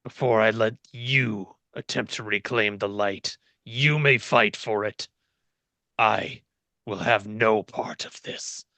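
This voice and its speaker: A man's voice: fairly low pitch, steady tone, sharp tone, no room sound, heavily acted. A man as game master narrating in character, voicing a proud, bitter, centuries-old fallen fantasy king with haughty, menacing delivery. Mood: grave, resigned. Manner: haughty, menacing, slow declamation.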